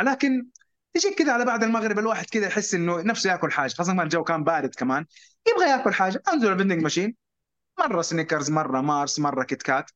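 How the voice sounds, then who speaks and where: A guest from Saudi Arabia casually tells his story, animatedly acting out quoted voices with sharp pitch jumps and mixing English words into his Arabic. The sound is dull and lo-fi.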